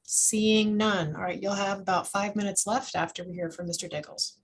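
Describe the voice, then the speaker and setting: A woman chairing a commission meeting, calling on speakers in a brisk, procedural way. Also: mid-range voice, fairly even intonation.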